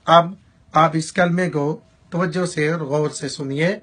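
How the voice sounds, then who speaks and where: A man teaching a recitation lesson, chanting verses slowly and drawn out, then explaining pronunciation briskly. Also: a little high, steady tone, fairly bright tone, husky. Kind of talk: tajweed lesson with slow recitation.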